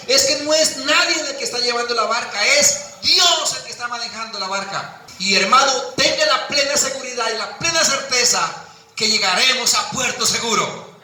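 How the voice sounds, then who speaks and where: Fervent high-voiced preaching man. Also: pushed and bright, reverberant, rough recording. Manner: preaching with rising fervor, acting out quoted voices. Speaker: pastor. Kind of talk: sermon.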